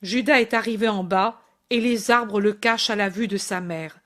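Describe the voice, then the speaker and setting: A woman narrating a devotional audiobook in a deliberate reading manner. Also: medium pitch, a bit bright.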